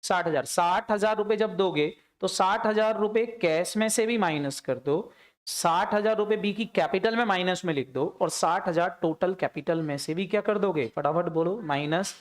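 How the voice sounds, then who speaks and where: A man teaching an accounts class, firing quick questions and pushing students to answer aloud. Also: sits high. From India. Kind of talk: classroom lecture.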